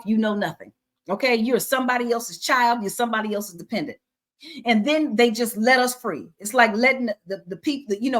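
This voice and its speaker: A woman's voice: on the high side, a bit bright. A middle-aged woman who teaches personal finance, running a webinar and answering questions with an encouraging, preacher-like cadence and lots of repetition. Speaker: financial educator.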